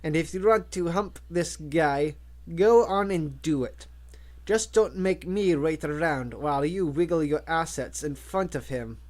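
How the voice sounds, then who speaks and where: A man voicing a haughty, indignant male talking parrot with a British-sounding voice, slow and pompous. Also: on the high side, a little mellow, close to an everyday voice. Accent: British-sounding, as voiced in the story.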